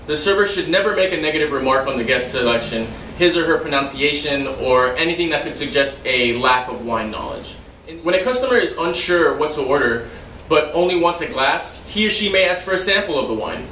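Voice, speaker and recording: Demonstrating how to serve wine in a home dining room, a young restaurant server trainer explains things steadily, with a few loose asides, in a mid-range voice. A distant camera with no visible microphone captures him, leaving a roomy echo and slight background noise.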